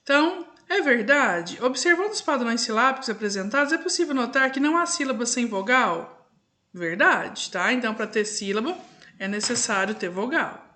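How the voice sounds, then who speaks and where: A woman teacher with a somewhat high-pitched voice, walking young pupils through a recorded lesson. She takes it patiently, one step at a time, and keeps pausing to check that the class is following. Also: animated, sharp tone. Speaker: primary school teacher.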